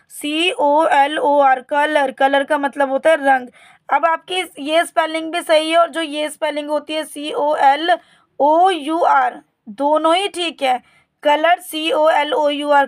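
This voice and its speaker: High-voiced Indian woman teaching vocabulary. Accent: Indian English. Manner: spells words slowly, then asks the class to repeat; patient, explaining. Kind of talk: teaching a Hindi-speaking class, spelling letter by letter.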